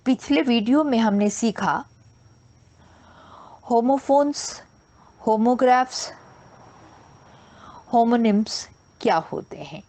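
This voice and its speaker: A woman's voice: a little high, animated, takes it slowly, long pauses, dark tone. A woman teaching an English grammar lesson, spelling words out letter by letter.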